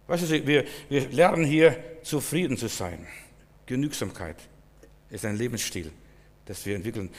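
Man preaching in a church hall, goes quiet then loud, lots of repeating, long echo. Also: mid-range voice. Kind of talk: sermon.

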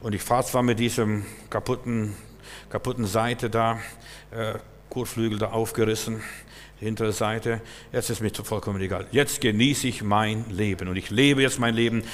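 A man preaching as a pastor, shifting between loud fervent outbursts and quiet, personal storytelling, with frequent repeated words and restarts. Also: fairly low pitch, fairly even intonation, normal speed, long reverb tail, a little hiss or hum. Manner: impassioned, swings from loud exclamations to quiet storytelling. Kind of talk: sermon.

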